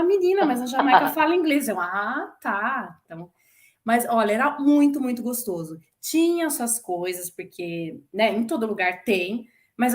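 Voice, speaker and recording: A Brazilian woman in her forties, a former flight attendant, chatting in an interview and telling stories with lively acted-out quotes. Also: a little high. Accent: Brazilian Portuguese. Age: 40s. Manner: lively storyteller who acts out quoted voices. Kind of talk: casual chat interview.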